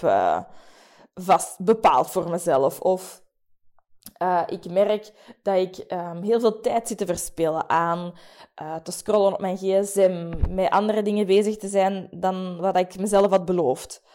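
Podcast lady, mellow low-key voice, lots of ehms, coaching chat. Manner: warm, hesitant, many fillers. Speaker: podcast host. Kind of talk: casual coaching monologue.

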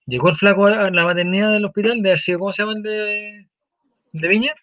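Chilean male host, high bright voice, slang-heavy storytelling, dry dull studio sound. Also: quick pace, no echo. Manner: animated, swears casually, restarts a lot. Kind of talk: casual chat, storytelling.

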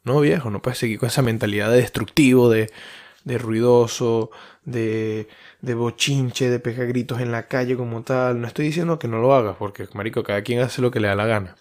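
A man's voice: medium pitch, a little fast, a little mellow. A man from Venezuela with a Venezuelan accent, hosting a podcast in a casual, rambling monologue full of fillers and restarts. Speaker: podcast host.

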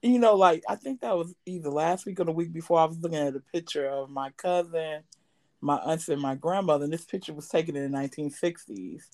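Older female podcast guest, lowish register, casual and bluntly opinionated delivery. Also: fairly quick, darkish tone, no room sound. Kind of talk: casual chat.

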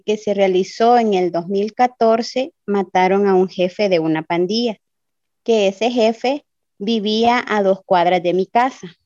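A woman from El Salvador with a Salvadoran accent, giving a slow, hesitant personal testimony as a migrant, with many fillers. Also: a little high, warm tone, dry recording, dull audio. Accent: Salvadoran Spanish. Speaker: interviewee, migrant. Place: Ciudad Juárez.

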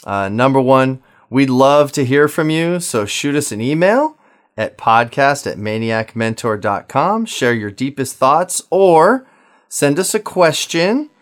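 A man's voice: medium pitch, expressive, a little slow. A man co-hosting a podcast, wrapping up with an upbeat, persuasive appeal to listeners. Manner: upbeat, persuasive call to action. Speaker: podcast co-host.

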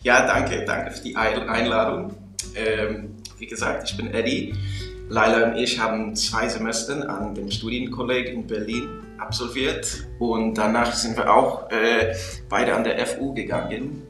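A man's voice: medium pitch, steady tone, unhurried, a bit bright, echoey room, soft background music. A man in his twenties from Chicago, speaking German as a learner with an American accent and careful restarts, as a guest in a casual interview. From Chicago, USA. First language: English. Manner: careful non-native speech with restarts.

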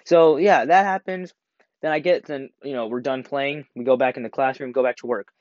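A young man telling a school story in a casual, animated way, acting out the quotes and laughing as he goes. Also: medium pitch, fairly quick, dry recording. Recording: dry, slightly dull home recording.

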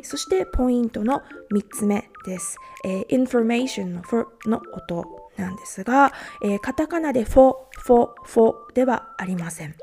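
A woman from Japan teaches pronunciation on a podcast, working through each point slowly with frequent fillers. Her voice is mellow and warm, and faint music plays beneath it. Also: medium pitch. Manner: explains step by step with many fillers. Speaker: language teacher.

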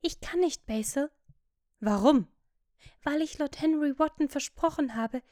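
A woman's voice: high voice, measured pace, a little mellow, no room sound, studio quality, voice pushed up. A woman voicing a vain, charming young man who sounds eager and full of wonder.

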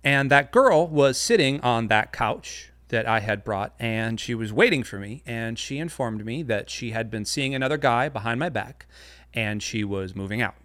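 A man's voice: mid-range voice, expressive, moderate pace, a bit bright, no echo. A man giving a casual, joking sermon to an online church audience, with many fillers. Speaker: pastor. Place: home studio.

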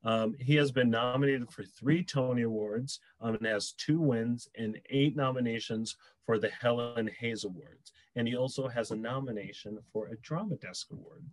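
Excitable young man, casual co-host. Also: medium pitch, moderate pace, few pauses, low-quality recording. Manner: excitable, cheers and whoops loudly. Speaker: podcast co-host. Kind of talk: casual chat.

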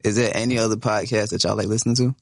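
Podcast co-host, male, rapid slangy banter, mid pitch, dry close sound. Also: fairly even intonation, gravelly, no echo. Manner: fast, slangy, jokey banter. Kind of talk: casual podcast chat.

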